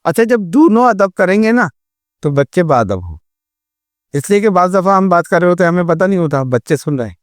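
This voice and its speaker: A man's voice: sits high, very animated, dry recording, studio quality. A man as a religious scholar guest, patiently explaining good manners with everyday examples. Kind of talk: advice talk in a studio discussion.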